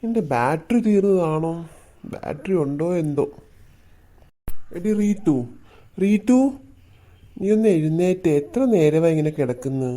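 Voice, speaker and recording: A performer playing a mild, easygoing father who tries to calm his wife in a comedy skit. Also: medium pitch, measured pace, long pauses, close to an everyday voice. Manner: mild, coaxing, apologetic.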